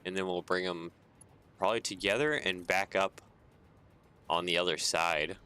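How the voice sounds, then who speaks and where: Smooth and low, this man's voice keeps a normal pace during casual gameplay commentary. He narrates his building to himself, laughs lightly and often, and sounds drowsy, yawning now and then, against a backdrop of soft music.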